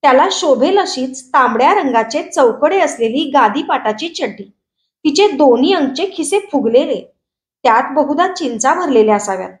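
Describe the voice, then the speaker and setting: High-voiced woman reading a story. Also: animated, normal speed, darkish tone, echoey room. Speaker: storyteller and channel host. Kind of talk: reading a short story aloud.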